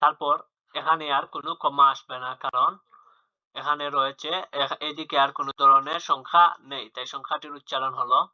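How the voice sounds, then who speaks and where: A man's voice: medium pitch, flat delivery, brisk, dry recording. A man teaching young children a maths lesson, explaining patiently and repeating himself, with fillers and restarts. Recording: dull lo-fi home recording.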